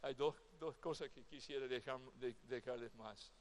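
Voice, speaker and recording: A male pastor preaching a sermon at a convention with emotional delivery that swings from loud to hushed. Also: mid-range voice, normal speed, a little hiss or hum. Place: convention event.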